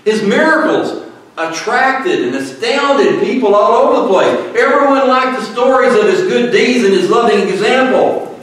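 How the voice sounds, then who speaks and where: A man preaching a sermon and reading scripture aloud, emphatic and deliberate, with short asides to the congregation. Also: very high voice, animated, a bit bright. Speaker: pastor. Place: church sanctuary. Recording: echoey hall, mic at a distance.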